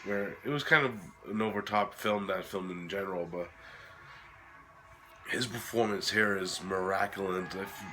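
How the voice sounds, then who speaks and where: A man hosting a casual film review while sick, his voice cracking, talking in a halting, informal, sweary way. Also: low-pitched, poor audio. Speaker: host of a horror film review series.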